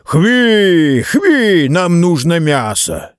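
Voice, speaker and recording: A man reading an audiobook, voicing a drunk, loutish male thug who yells crudely. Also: on the high side, very animated, drawn-out words, clear, resonant tone, dry recording, clean studio sound, voice pushed up, full character voice. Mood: yelling. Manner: yelling, crude.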